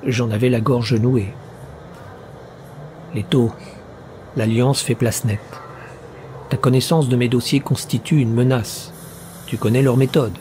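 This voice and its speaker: A man narrating a first-person story as an audiobook, in a measured, literary storytelling manner. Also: medium pitch, fairly even intonation, a little mellow, a little hiss or hum.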